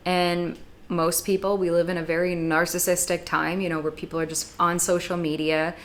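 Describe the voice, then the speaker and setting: A woman's voice: on the low side, level tone, normal speed, slight background noise. A young adult woman from the United States giving blunt, sarcastic advice in a casual vlog monologue, with dramatic asides. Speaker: YouTube vlogger.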